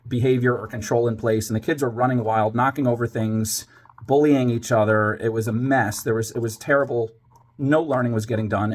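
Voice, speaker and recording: A man telling a story from his years as a teacher, dramatizing it with whispers and quoted voices. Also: medium pitch. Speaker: former teacher, channel host. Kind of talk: personal storytelling monologue.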